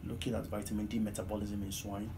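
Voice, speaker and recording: A man's voice: lowish voice, level tone, fast. A man in his thirties from Ghana with a Ghanaian accent, earnestly answering interview questions from a small office, with many "uh" fillers. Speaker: PhD student guest. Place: small office, seated in desk chair. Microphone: far camera, low angle. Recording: noisy room recording.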